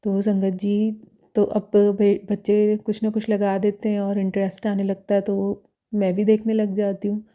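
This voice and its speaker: A young woman sharing devotional experiences in casual talk, hesitant, with many fillers and pauses. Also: medium pitch, completely flat delivery, mellow.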